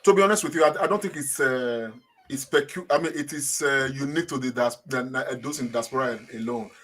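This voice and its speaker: With a mid-range, fairly quick and slightly bright voice, a middle-aged guest from Edo State, Nigeria, replies to interview questions in a Nigerian accent. His delivery is hesitant, full of uhs and repeated words.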